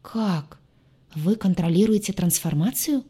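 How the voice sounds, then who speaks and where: A woman's voice: on the low side, moderate pace, mellow, slightly rough. A woman voicing a nervous chubby ship doctor.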